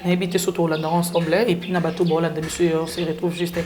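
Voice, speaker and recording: A woman's voice: on the low side, level tone, racing. A woman, hosting a casual interview and asking direct questions.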